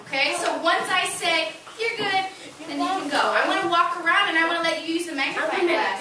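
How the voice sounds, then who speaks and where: High-pitched kindergarten teacher woman, echoey classroom. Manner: kindergarten teacher voice, simple clear directions and praise. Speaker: elementary school teacher. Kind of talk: classroom instruction to young children. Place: indoor classroom. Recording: echoey noisy classroom, distant mic with clicks. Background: classroom noise with children.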